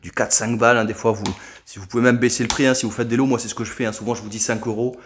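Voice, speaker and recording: A man's voice: medium pitch, level tone, rapid-fire, a little hiss or hum. A man casually chatting at home, showing off games he collected, with lots of fillers and asides. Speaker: game collector showing purchases.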